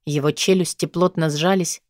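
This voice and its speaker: Woman reading a romance audiobook, steady and expressive, dry close mic. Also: low-pitched, normal speed, dry recording. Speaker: audiobook narrator. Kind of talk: scripted first-person narration of a romance novel.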